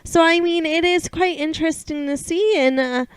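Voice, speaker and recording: A woman co-hosts a casual news talk show. She talks in a chatty, rambling way, padding her sentences with fillers. Her voice is high. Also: moderate pace, dry recording, poor audio. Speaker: podcast co-host.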